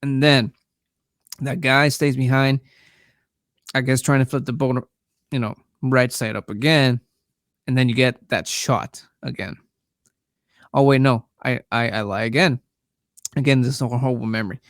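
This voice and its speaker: Man, casual podcast host, mid-pitched voice, rambling with lots of fillers, laid-back and profane, dry close sound. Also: fairly even intonation, dry recording. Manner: rambling, halting, many fillers and restarts. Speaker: podcast host reviewing a film. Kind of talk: casual spoken film recap.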